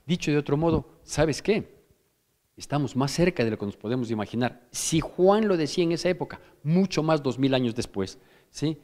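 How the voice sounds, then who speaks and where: A man's voice: on the high side, lively intonation, moderate pace, a little mellow, in a large hall. A male pastor with an Ecuadorian Spanish accent preaching a firm, exhorting sermon, often restarting and asking "¿sí?". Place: church hall.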